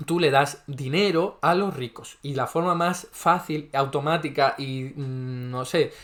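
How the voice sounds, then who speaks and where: A man with a fairly high voice argues his point in a video monologue. He is combative, keeps pressing with rhetorical questions and sarcasm. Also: fairly bright tone. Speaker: economist commentator, channel host.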